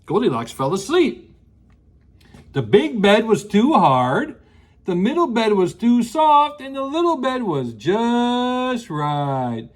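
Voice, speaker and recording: A storyteller in a rambling grandpa style, reading to children with folksy asides and questions. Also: mid-range voice. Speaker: children's story show host.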